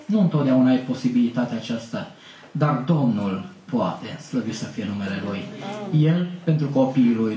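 A man preaching an Easter sermon as pastor, building to emphatic high peaks and slowing on key phrases. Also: dark tone, reverberant, poor audio.

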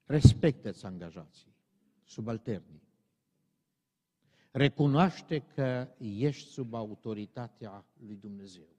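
Male preacher, sermon delivery, warm dark tone, emphatic and exhorting, long hall reverb. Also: medium pitch, highs cut off. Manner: emphatic, rising to stern exhortation.

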